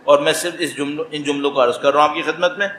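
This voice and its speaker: A man with a Pakistani Urdu accent preaches a sermon to a gathered audience. His voice sits somewhat high and often rises into emphatic exclamations. The hall sounds echoey, with faint ambient noise behind him. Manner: animated, rising to emphatic exclamations. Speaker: religious speaker.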